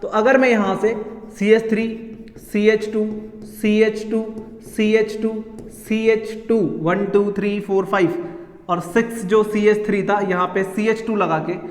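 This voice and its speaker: A man's voice: sits high, flat delivery, a little slow. A man teaching chemistry to school students, talking them through each step and counting atoms aloud. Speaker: science teacher. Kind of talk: explaining chemistry at a whiteboard. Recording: echoey room, long reverb.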